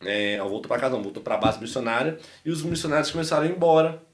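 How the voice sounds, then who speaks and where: A Brazilian man with a Mineiro accent, a podcast guest telling a personal story in an animated, slangy way. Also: medium pitch, rapid-fire, echoey room. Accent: Mineiro Brazilian Portuguese. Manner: animated, slangy, peppers speech with "mano" and "velho". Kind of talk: casual storytelling testimony.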